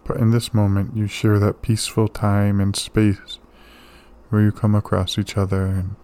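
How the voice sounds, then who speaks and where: A man gently delivering a calm bedtime relaxation monologue, soothing and unhurried, with pauses. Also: fairly low pitch. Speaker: host of a sleep relaxation show.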